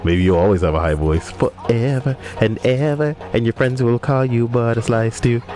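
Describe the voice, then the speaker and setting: This young man has a mellow, mid-range voice and speaks at a moderate pace. He's streaming a game, reading viewer messages out loud and trading crude, profane jokes in casual livestream chat while music plays behind him.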